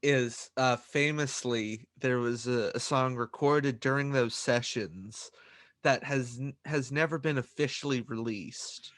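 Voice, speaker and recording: A man's voice: mid-range voice, a little slow. Young guy cohosting a music podcast, laid back, kinda stumbles at the start of sentences. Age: young adult. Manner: relaxed and conversational, stumbling over words at sentence starts. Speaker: podcast co-host. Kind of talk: casual chat.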